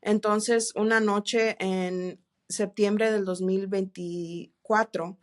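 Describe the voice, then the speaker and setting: A woman telling her faith testimony in an interview, earnest and halting, with many restarts and English words mixed in. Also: mid-range voice, steady tone. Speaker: interview guest. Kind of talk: testimony in a church podcast interview.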